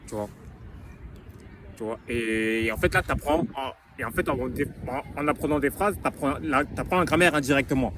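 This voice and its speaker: A young man from France casually talking in a vlog, rambling with street slang and lots of restarts, recorded outdoors in wind. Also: a little high. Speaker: vlogger sharing English-learning tips.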